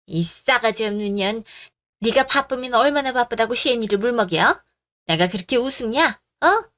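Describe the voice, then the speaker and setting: A shrill, raging older mother-in-law in a radio drama, as a woman voices her. She screams at her daughter-in-law in a high, loud voice and hammers every insult home. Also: lively intonation, normal speed. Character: furious bullying middle-aged mother-in-law.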